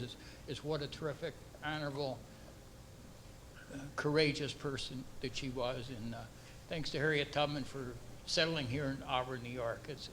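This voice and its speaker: A man serving as mayor, reading a formal proclamation and then speaking off the cuff with halting, repeated words. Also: mid-range voice, a bit bright, slight background noise, low-quality recording.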